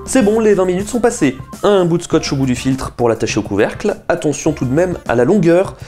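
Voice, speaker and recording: A man's voice: a little high, expressive, fairly quick, darkish tone, faint music behind. A man in his thirties hosting a science video, explaining and carrying out a chemistry experiment at a desk with an enthusiastic, chatty teaching tone. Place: small indoor room, seated at a table.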